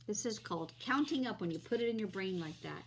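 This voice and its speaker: A woman's voice: mid-range voice, animated, fast talker, slight background noise. A woman teaching young children like a kids' show host, explaining simply step by step and asking her listeners questions.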